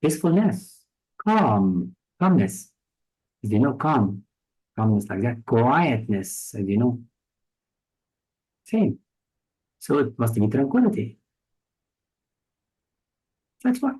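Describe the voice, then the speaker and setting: Man, Egyptian accent, test-prep vocab tutor; slow, deliberate, patient, lots of examples. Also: mid-range voice, very animated, darkish tone, rough recording. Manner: patient, explains with many examples and synonyms. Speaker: English vocabulary teacher. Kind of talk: test-prep lesson explaining words.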